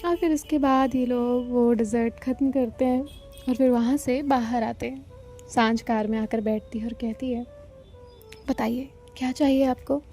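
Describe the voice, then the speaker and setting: A woman narrating a romantic audio story in a plain, steady storytelling manner. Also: a little high, moderate pace, soft background music.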